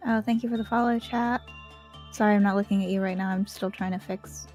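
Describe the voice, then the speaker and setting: A woman's voice: medium pitch, steady tone, a little fast, a little mellow, soft background music. A young woman chatting casually and bluntly over a livestream headset mic while drawing, swearing freely. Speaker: art streamer.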